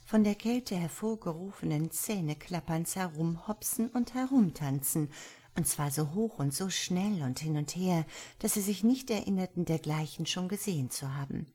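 A woman narrating an old tale in a measured storybook reading. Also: on the low side, expressive, mellow, breathy edge.

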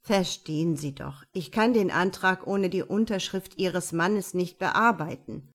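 Woman voicing a male bank clerk, condescending, forced polite, monotone, audiobook. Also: fairly low pitch, a little slow. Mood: dismissive.

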